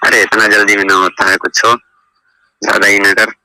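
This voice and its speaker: A man's voice: on the low side, flat delivery, normal speed, gravelly, bright, forceful tone. A man on a private phone call, insistently coaching the other person on what to say.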